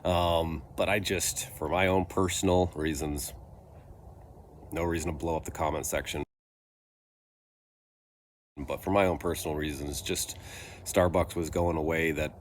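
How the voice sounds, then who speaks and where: A man giving a casual, rambling product review, thinking aloud haltingly with trailing pauses. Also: very deep voice, steady tone. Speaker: pipe tobacco reviewer. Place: outdoors in a light breeze. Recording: breezy outdoor vehicle-like background noise.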